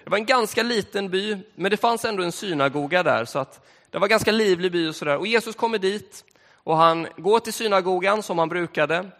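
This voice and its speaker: A man preaching a sermon in a church, telling the story in a relaxed, conversational way with frequent fillers. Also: high-pitched. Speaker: pastor. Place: church hall. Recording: long hall reverb in church.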